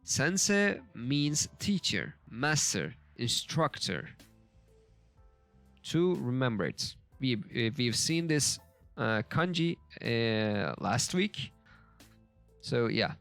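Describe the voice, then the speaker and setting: Slow, halting man thinking aloud. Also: mid-range voice, very animated, gravelly, fairly bright tone, soft background music. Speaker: language learner teaching a lesson. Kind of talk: casual screen-share lesson commentary.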